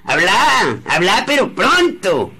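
A man's voice: a little high, sing-song, normal speed, a bit bright, breathy edge, heavily acted. A man voicing a lecherous old man who sweet-talks a young woman in a comic radio drama. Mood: irritated. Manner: sweet-talking, then blustering.

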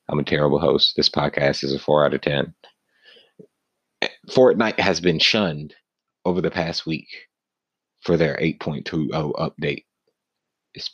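A man with a very deep, husky voice hosts a casual gaming podcast, blunt and profane and quick to mock himself. The sound is dry and close, with a dull, muffled tone. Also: dry recording. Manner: blunt, profane, self-mocking. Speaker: podcast host.

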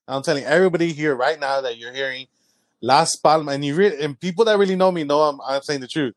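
A young man from San Antonio, telling stories in a casual chat, full of fillers and quick voices of people he mimics. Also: no room sound. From San Antonio, Texas. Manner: animated storyteller, many fillers, quick high-pitched mimicry of others. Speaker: guest, comedy creator.

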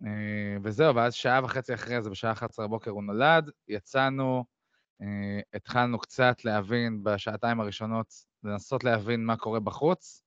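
A man in his thirties co-hosting a podcast, talking reflectively and often pausing on fillers. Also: on the low side, fairly even intonation, fairly bright tone, clean tone, no room sound. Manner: reflective, many hesitant fillers. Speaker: podcast co-host. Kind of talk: casual podcast chat. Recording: dry, slightly dull sound.

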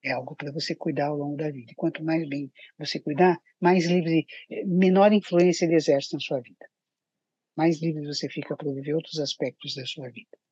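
A woman with a Brazilian accent explaining things as a psychiatrist guest, halting and restating her phrases. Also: low voice, mellow, breathy edge, dry recording. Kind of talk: explanatory interview talk. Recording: dull, muffled lo-fi audio.

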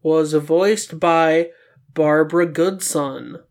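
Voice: medium pitch, steady tone, slow. Young podcast host chatting casually. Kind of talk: casual anime podcast discussion.

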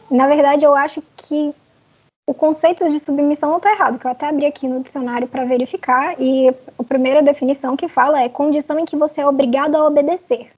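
A woman on a panel, reasoning her point deliberately and with some hedging. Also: sits high, darkish tone, slightly rough, highs cut off. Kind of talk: casual panel discussion.

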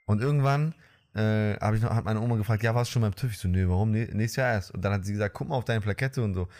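A man's voice: on the low side, fast, a little mellow. A young man in a casual podcast chat, telling a story in slang and laughing often. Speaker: podcast co-host.

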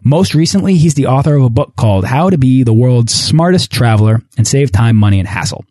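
A man's voice: mid-range voice, lively intonation, a little fast, mellow, no room sound, clean studio sound. A man hosting a podcast, reading an upbeat intro and interviewing a guest. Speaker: podcast host.

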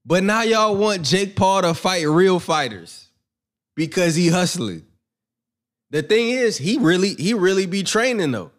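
A man's voice: high voice, animated, a little slow. A brash young man hosting a boxing commentary channel, giving his opinions in a rambling, profane, self-assured way. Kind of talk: casual opinion monologue.

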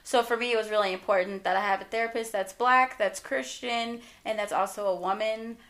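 A woman co-hosting a casual podcast speaks in a relaxed, easygoing way and reacts quickly to her co-host. Her voice sits at a middle pitch. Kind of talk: casual chat.

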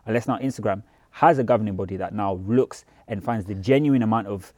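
A man's voice: lowish voice, fairly quick, darkish tone, no echo, clean studio sound. A man, co-hosting a podcast in casual chat, talking things through at length. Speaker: podcast co-host.

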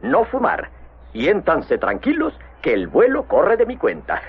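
A man voicing a jolly, boastful albatross airline captain in an animated film, announcing like a folksy flight attendant. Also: on the high side, measured pace, breathy edge, heavily acted. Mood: breezy, reassuring. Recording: dull lo-fi film audio, faint noise.

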